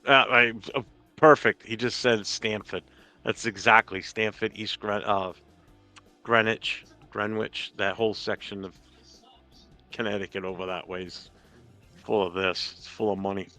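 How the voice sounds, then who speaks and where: A man's voice: lowish voice, fairly even intonation, a little slow, sharp tone. A man from Rhode Island hosting a sports podcast, chatting casually and profanely, with a lot of fillers, over faint music. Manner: profane, joking, rambling with fillers. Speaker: podcast host.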